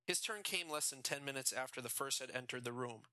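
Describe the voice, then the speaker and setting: A man reading a crime novel aloud in steady, measured scripted narration. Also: mid-range voice, dry recording. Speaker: audiobook narrator.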